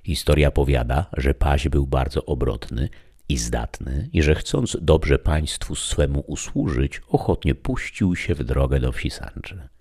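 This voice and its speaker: A male narrator with an extremely deep voice reads an old classic aloud. His delivery is measured yet expressive, the pitch moving lively across each sentence. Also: slightly rough. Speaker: audiobook narrator. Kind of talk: scripted narration of a classic novel.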